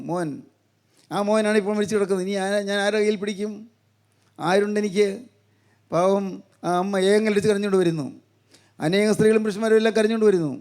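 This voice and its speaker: An older man with a Malayali accent delivers a sermon in a high-set voice, seated as he preaches. He retells scripture stories vividly and emotively, returning again and again to short repeated refrains. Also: darkish tone. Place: seated indoors.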